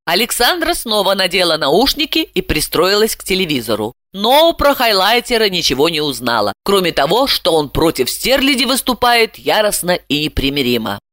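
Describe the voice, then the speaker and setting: A woman narrating an audiobook in a lively, expressive reading. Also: fairly low pitch, normal speed, few pauses, dry recording, clean studio sound.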